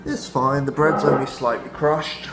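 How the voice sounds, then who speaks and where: A man's voice: medium pitch, steady tone, measured pace, loud music behind the voice, low-quality recording. A young adult man, a student vlogger, talking casually to camera in a dry, self-deprecating way with bits of slang. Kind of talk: casual vlog talk to camera.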